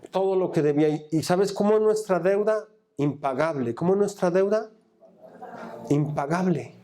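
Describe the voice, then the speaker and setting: A man's voice: sits high, mellow. A man preaching in church, reading scripture and asking the congregation to fill in the words. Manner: call-and-response questions to the congregation; reads scripture aloud and comments on it. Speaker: pastor. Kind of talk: sermon.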